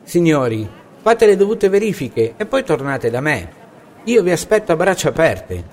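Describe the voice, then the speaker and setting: A man's voice: on the high side, very animated, normal speed, pitched above the performer's own voice. A man voicing a friendly, polite male market trader in a storybook reading. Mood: jovial.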